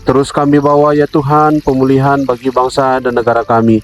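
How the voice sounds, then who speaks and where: A man's voice: medium pitch, flat delivery, faint music behind, rough recording. Solemn man leading a devotional. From Indonesia. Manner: solemn, measured, addresses listeners as brother. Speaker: devotional speaker.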